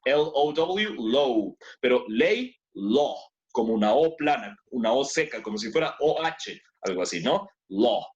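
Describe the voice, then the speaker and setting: A man's voice: mid-range voice, very animated, normal speed, hardly any pauses, lo-fi sound. A man teaching an English class in two languages, who repeats words and keeps praising his students. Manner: switches between two languages to explain.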